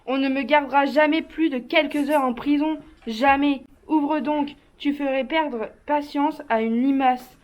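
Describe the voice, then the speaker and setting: A woman's voice: high-pitched, steady tone, a little slow, few pauses, lo-fi sound. A woman playing a stubborn young male escaped killer in a stage play, speaking insistently and commanding. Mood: demanding. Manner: insistent, commanding then coaxing.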